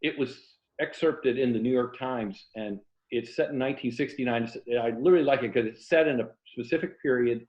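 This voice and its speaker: He talks a little fast with few pauses, his medium-pitched voice a little mellow. An older American man from Tampa, Florida, and a writer and former journalist, he tells casual stories as an interview guest. He is on a remote video call indoors, and the sound is roomy and dull.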